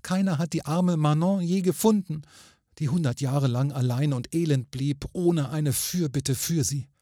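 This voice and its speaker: A man's voice: a little high, unhurried, warm tone, husky, no echo, studio quality, pitched above the performer's own voice. A man voicing the faint, sweet ghost of a murdered young woman in a storybook reading, pleading and lamenting. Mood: mournful.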